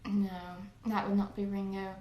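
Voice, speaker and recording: A woman playing Beelzebub, a dry British demon lord, on a cosplay role-play livestream, teasing in a deadpan British accent. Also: medium pitch, moderate pace, echoey room, highs cut off, heavy background noise, close to an everyday voice.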